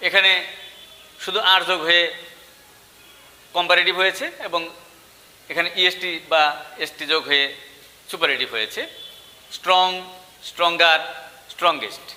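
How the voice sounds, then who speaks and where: A male English teacher with a Bengali accent gives an online grammar lecture, slowly spelling out each word form. His voice sits high and rings very bright. A long reverb trails his words, as if he were recorded in a hall. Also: steady tone. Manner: slow, deliberate, spells out word forms one by one.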